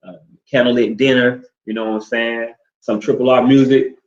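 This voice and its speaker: A man in his forties chats in a loose, rambling way, full of fillers, as he co-hosts a talk show at home. His voice sits at a middle pitch. It bounces around an echoey room on a dull, lo-fi recording. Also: level tone, normal speed. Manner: laid-back, rambling, lots of fillers. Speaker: co-host. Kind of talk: casual couple chat.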